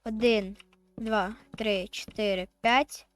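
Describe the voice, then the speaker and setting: A woman's voice: mid-range voice, steady tone, takes it slowly, soft background music. A woman, chatting casually as she plays a video game and counts aloud while building. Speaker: gaming video host.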